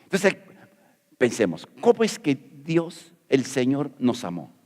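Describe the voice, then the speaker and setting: A man's voice: mid-range voice, very animated, takes it slowly, darkish tone. Folksy preaching man, echoing church hall. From Peru. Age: middle-aged. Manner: folksy, jokey preaching with rhetorical questions. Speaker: pastor. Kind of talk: sermon.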